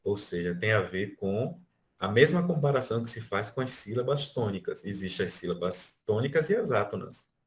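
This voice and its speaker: A man's voice: lowish voice, expressive, moderate pace. A Brazilian man teaching an online music class, explaining by counting beats and stretching out syllables. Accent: Brazilian Portuguese. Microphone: video call.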